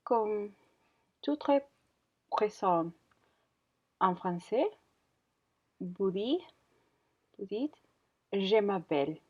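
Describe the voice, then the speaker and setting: Woman in her thirties, very slow hesitant teacher, muffled lo-fi sound. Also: mid-range voice, lively intonation. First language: Spanish. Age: 30s. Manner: hesitant, many fillers and self-corrections. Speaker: French teacher. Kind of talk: slow beginner language lesson. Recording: dull lo-fi audio.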